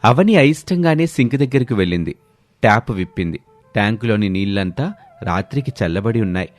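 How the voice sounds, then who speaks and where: A man giving scripted narration for a cartoon moral story in a steady, plain way. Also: lowish voice, fairly quick, soft background music.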